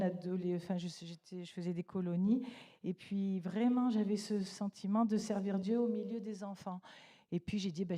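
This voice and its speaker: A middle-aged woman shares her testimony at a church service, speaking earnestly and stopping often to restart her thoughts. Her voice is mellow and warm, pitched at an ordinary middle height. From Italian roots. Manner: earnest, halting with many restarts. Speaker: guest speaker giving a testimony.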